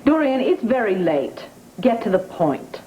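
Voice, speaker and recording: A woman's voice: medium pitch, very animated, a little slow, mellow. An actress playing an anxious, earnest wealthy woman who owns a newspaper, in a 1980s TV soap opera, heard from a worn VHS tape copy. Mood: curt. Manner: earnest, troubled, speaks plainly and directly. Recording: dull, hissy worn VHS tape audio.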